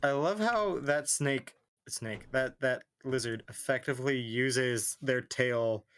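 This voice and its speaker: A man's voice: mid-range voice, slow, fairly bright tone. A man streaming a game, chatting casually and adding dry, amused remarks. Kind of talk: casual gaming stream chat.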